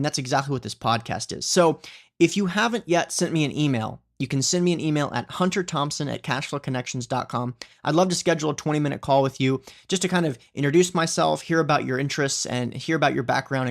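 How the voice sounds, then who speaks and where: A man hosting a podcast, introducing the episode and guest earnestly, often saying "you know". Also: medium pitch. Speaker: podcast host.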